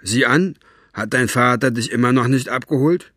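A sneering thug who snarls his mockery a little louder and higher than the narration, as a male reader puts him on. The sound is dry and close. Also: moderate pace, no echo, natural voice. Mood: mocking. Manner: snarling, mocking.

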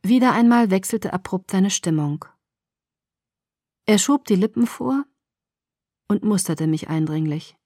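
A woman reading a story in first person with a measured, intimate delivery. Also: mid-range voice, animated, warm tone, dry recording, studio quality. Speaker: audiobook narrator. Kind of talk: scripted first-person narration.

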